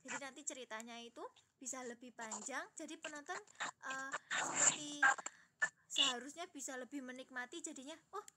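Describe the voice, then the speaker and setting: A woman teacher giving gentle, praising feedback on a student's storytelling, pausing often with fillers. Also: high-pitched, heavy background noise. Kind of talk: encouraging classroom feedback.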